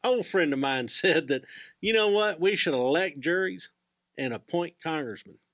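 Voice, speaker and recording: Man, fairly high voice, bright, jokey banter, dry sound. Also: normal speed, no echo. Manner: jokey, animated. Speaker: co-host. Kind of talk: casual discussion.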